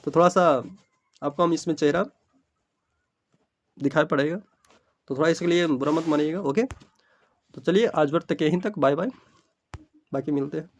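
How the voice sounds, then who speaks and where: A man's voice: a little high, moderate pace, pauses often, slight background noise. A man with a Bihari Hindi accent teaching an exam-prep English lesson from home, explaining in Hindi and reading the English options aloud.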